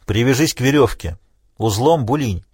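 A man's voice: medium pitch, expressive, moderate pace, a little mellow, husky, dry recording, studio quality. A man voicing a tough male climber who speaks in short, curt commands. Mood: commanding. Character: tough male climber giving terse orders.

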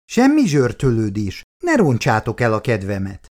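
A man's voice: mid-range voice, huge pitch swings, darkish tone. A man voicing a cheerful, teasing young adult daughter in a radio-style reading.

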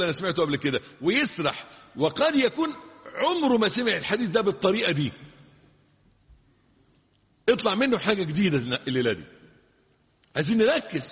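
A man with an Egyptian accent preaching a sermon, emphatic and full of rhetorical questions, moving between forceful and hushed delivery. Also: high voice. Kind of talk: sermon mixing colloquial and classical Arabic. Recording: tinny, phone-like sound with long hall reverb.

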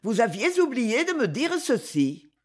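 A reader voicing an accused woman giving measured testimony in a soft voice. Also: mid-range voice, very animated. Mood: gentle. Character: accused foreign woman, composed then soft-spoken.

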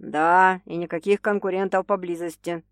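A woman reading an audiobook, voicing a teasing, domineering young man who speaks slowly and wryly. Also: fairly even intonation, no room sound, close to an everyday voice. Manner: slow, low and wry. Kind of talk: audiobook character voice.

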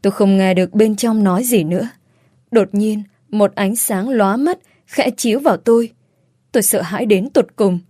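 A woman giving a scripted first-person narration of a story, told in a steady, measured way. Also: medium pitch, no echo, studio quality. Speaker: audiobook narrator. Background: faint background music.

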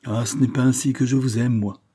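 A man's voice: mid-range voice, steady tone, fairly quick, dark tone, breathy edge, voice pushed up, lightly acted. Gaston, a man reading a passionate young nobleman. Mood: despairing. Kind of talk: audiobook reading of a classic novel.

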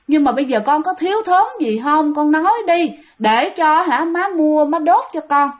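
Woman doing grieving mother, tearful, anxious, high pitched. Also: normal speed, lightly acted.

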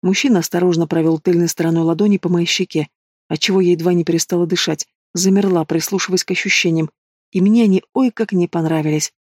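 Male audiobook narrator, first-person romance reading, higher pitched voice, dry studio. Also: fairly even intonation, quick pace, a little mellow, no room sound. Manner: reads the heroine's first-person narration and both leads' dialogue in one voice.

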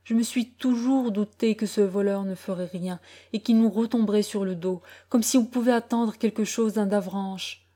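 A woman voicing an anxious, sharp-tongued middle-aged mother who talks in an urgent, scolding way. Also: mid-range voice, moderate pace, close to an everyday voice.

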